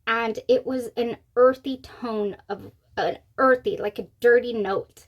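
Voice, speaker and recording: A woman with a somewhat high voice hosts a casual, chatty review. She sounds giddy and gushes with excitement. Her mouth is still swollen on one side after wisdom teeth removal. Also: measured pace. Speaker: fragrance review channel host.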